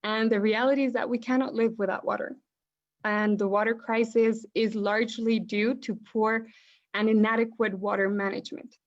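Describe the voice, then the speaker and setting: A woman's voice: fairly high pitch, level tone, normal speed. A young woman from Mexico closing a talk as a guest speaker, earnest and urgent. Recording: dull lo-fi call audio.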